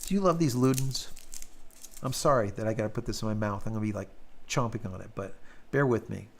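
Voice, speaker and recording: A man hosting a live stream in casual chat, blunt and quick to swear, his throat sore and worn after hours of talking. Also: fairly low pitch, gravelly. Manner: blunt, ranting, swears freely.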